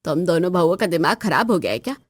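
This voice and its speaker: A woman's voice: expressive, quick pace, no room sound. A woman doing a sour, scheming old mother-in-law. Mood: scolding. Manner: low, grumbling, scolding.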